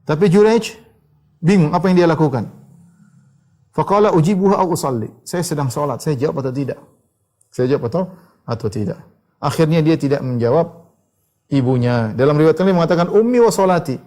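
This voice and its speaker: A man's voice: fairly high pitch, fairly quick, long pauses, mellow. Male preacher telling a story. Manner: storytelling, quoting Arabic texts and explaining them; frequent "ya" and "eh" fillers. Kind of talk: sermon.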